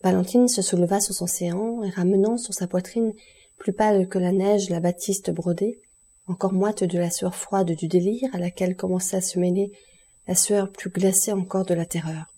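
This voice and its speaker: A woman narrating a classic novel as an audiobook, in a measured, even storytelling manner. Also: fairly low pitch, husky. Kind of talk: scripted literary narration.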